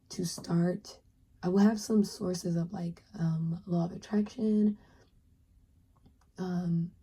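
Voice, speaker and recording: Earnest husky-voiced woman reading tarot. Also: lowish voice, dark tone. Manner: earnest, encouraging, talks straight to the viewer. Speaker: tarot reader. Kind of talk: pick-a-card tarot reading.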